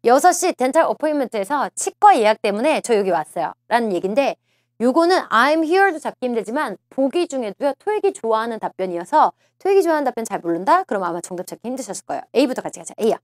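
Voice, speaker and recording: A woman lecturer preps students for a listening exam, her fairly high voice swinging up and down in pitch. She coaxes the class, repeats each key phrase and keeps asking questions. The sound is dry and close to the mic. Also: sing-song, quick pace, dry recording. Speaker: TOEIC listening instructor.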